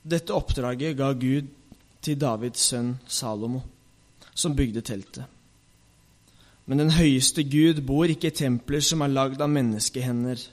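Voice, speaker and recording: A man's voice: medium pitch, a little mellow, lightly acted. A man reading Stephen, solemn bold preacher. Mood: solemn rebuke. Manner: solemn, rebuking oration. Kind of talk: reading a scripture speech.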